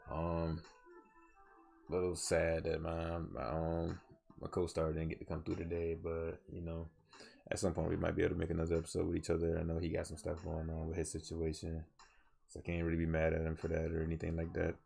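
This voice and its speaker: A young man from southwest Georgia, US, speaks a little fast in a low, monotone, mellow voice with vocal fry as he hosts a solo podcast. Tired and yawning, he rambles earnestly, frequently restarting his thoughts.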